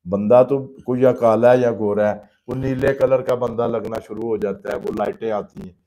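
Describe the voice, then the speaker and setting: Male painting teacher, warm low tone, patient and fatherly, breaks each step down in plain terms. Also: steady tone, moderate pace. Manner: addresses students fatherly as "beta". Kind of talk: live painting demonstration lesson.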